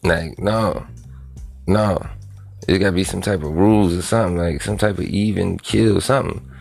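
A man's voice: sits low, normal speed, gravelly, darkish tone, husky, soft background music. A man ranting bluntly and profanely in a casual monologue.

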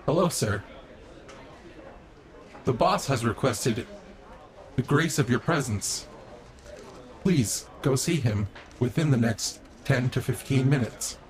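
Polite robot butler servant, formal and gentle, voiced by a man running the game. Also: mid-range voice, animated, slow pace, pauses often, low-quality recording. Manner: courteous, formal, softly spoken. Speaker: game master voicing a character.

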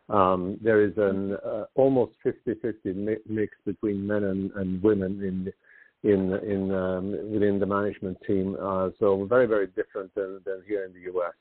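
Husky low-voiced Swedish-born man on a phone line. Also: little pitch movement, moderate pace, no echo. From Sweden. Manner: hesitant, many restarts and throat-clearing. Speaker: pricing consultant guest. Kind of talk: podcast interview.

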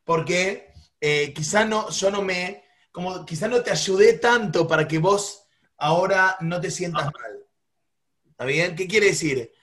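Rioplatense male teacher, high voice, lively, questions the class. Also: measured pace. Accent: Rioplatense Spanish. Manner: animated, asks the class questions, acts out quarrels. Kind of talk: classroom lesson.

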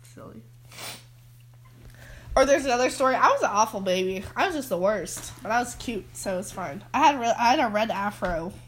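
A woman's voice: on the high side, animated, brisk. A teenage girl co-hosting a casual podcast, giggly and rambling, saying "like" a lot. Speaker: podcast co-host. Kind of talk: casual chat.

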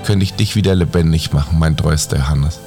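A man's voice: extremely low pitch, a little fast, dark tone, soft background music. A man voicing a young fairy-tale king, mournful and sighing, while reading a bedtime story. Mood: regal.

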